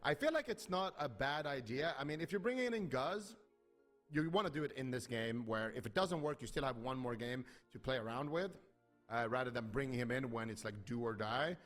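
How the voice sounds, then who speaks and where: A man's voice: medium pitch, expressive, a little fast, faint music behind. A man giving live analytical commentary on a video game match as an esports caster.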